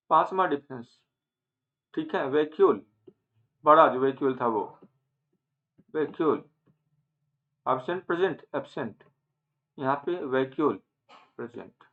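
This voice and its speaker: A man teaching an online lecture, asking questions and answering them himself, with English terms mixed in and some phrases drawn out slowly. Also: a little high. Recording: phone-like narrow band.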